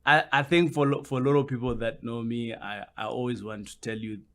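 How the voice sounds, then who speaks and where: A man's voice: medium pitch, steady tone, a little fast, fairly bright tone. A man, a guest on a podcast interview, explaining his points at length and often circling back with "which basically means".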